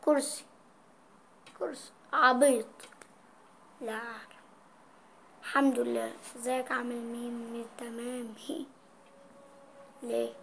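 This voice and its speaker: A woman's voice: a little high, level tone, unhurried, vocal fry, long pauses, fairly bright tone, slight background noise. A woman with an Egyptian accent, chatting playfully in a vlog as she reads out dialect words and explains what they mean. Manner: playful, reading out dialect words and their meanings. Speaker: vlogger. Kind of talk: casual vlog chat.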